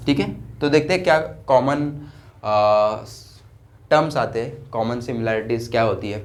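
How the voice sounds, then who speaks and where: Young male tutor, exam-prep physics lecture, repeats terms as questions, mid-pitched. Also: darkish tone. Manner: repeats key words as questions to the class; mixes English terms into Hindi explanation. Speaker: physics teacher. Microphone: own mic, checked during lecture.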